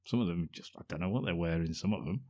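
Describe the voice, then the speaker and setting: A man with a low voice co-hosts a podcast in casual chat. His delivery is wry and sarcastic, full of bemused asides. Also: fast, warm tone. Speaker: podcast co-host.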